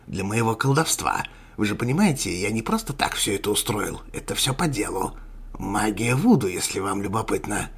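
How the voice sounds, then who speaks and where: A man puts on a crow-masked sorcerer villain for an audio story, his voice thick with gravel and grit. He speaks in a husky rasp, gloating and menacing, taking his time over every threat. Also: lowish voice, lively intonation, moderate pace, heavily acted. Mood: gloating menace. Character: sinister male sorcerer villain in a crow mask.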